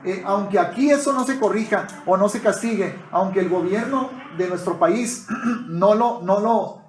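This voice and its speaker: A man's voice: high voice, normal speed, roomy sound, rough recording. A man preaching a sermon, often calling his listeners brothers and asking them to agree. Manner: addresses the congregation as brothers, asks for agreement often.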